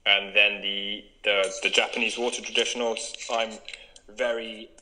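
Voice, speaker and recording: Young guy, yoga teacher, really bright punchy voice, chatty and laughing a lot. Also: fairly low pitch, level tone, normal speed, low-quality recording. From Wales. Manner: upbeat, chatty, laughs often, many fillers. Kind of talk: casual interview chat.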